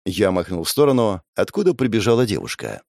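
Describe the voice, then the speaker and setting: Sardonic male audiobook narrator, very lively pitch. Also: brisk, creaky, dry recording, studio quality. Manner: sardonic, crude and wry. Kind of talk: first-person fantasy audiobook narration.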